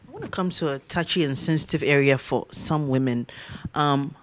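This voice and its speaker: A man with a somewhat raised voice hosts an interview. He sets up each topic with a short framing remark, then asks his question in a measured way. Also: on the high side, fairly bright tone. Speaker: talk show host.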